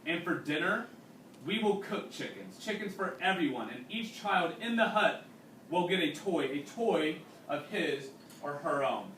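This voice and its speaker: In this roomy recording from a distant mic with faint noise, a male teacher reads a story aloud to students. He explains things and pauses to question the young listeners. His voice is a little high, animated, and fairly bright.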